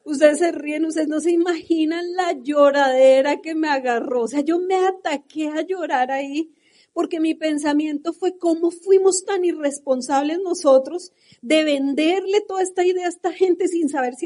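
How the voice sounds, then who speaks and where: A woman with a Colombian accent giving a passionate, animated motivational talk to a live audience at a business seminar. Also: high-pitched, normal speed.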